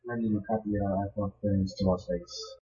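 A man's voice: fairly low pitch, animated, fast, mellow. A man making terse pilot radio calls, sounding like he's on a speakerphone across the room. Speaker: pilot calling air traffic control. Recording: muffled lo-fi radio from far off, faint hiss.

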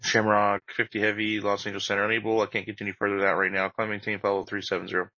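A man's voice: on the low side, monotone, very fast, pushed and bright, dry recording. A man giving clipped, procedural air traffic control instructions over radio in a flight simulation. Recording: dry, dull band-limited radio audio.

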